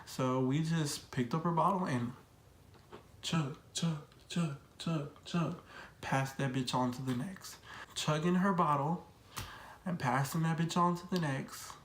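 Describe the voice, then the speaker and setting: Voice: mid-range voice, normal speed, slight background noise. A young adult vlogger tells a personal story in casual, slang-heavy chat and repeats phrases for emphasis. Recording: echoey room.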